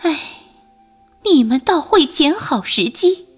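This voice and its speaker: A woman voicing a wounded, sorrowful and alluring male demon musician in an audiobook, with a soft, sighing manner. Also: very high-pitched, sing-song, slow pace, faint music behind, pitched above the performer's own voice, heavily acted. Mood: weary. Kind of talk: audiobook character voice.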